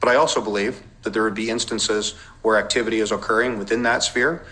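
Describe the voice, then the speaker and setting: Under cross-examination, a police intelligence officer testifies in a lowish, pushed, bright voice with fairly even intonation. His manner is measured and exact, with careful phrasing and legal references. The recording quality is low.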